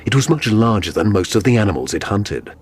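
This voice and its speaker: A man's voice: lowish voice, big pitch swings, brisk, music in the background. A man reading scripted documentary narration in a dramatic manner.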